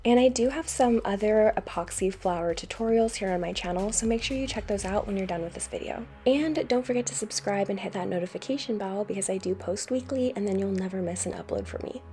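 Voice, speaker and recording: A woman with an American accent talks through a craft tutorial as a voice-over. Her tone is mellow and warm, and she explains each step in a calm, easy way. Soft music plays quietly behind her. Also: medium pitch, brisk, few pauses. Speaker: craft channel host.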